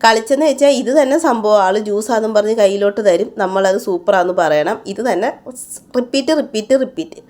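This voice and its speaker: A woman vlogger whose first language is Malayalam gives a casual voice-over narrating a day at home, talking about cooking and her child and often ending sentences with "you know." Her voice is mid-range, fairly quick, and a little mellow.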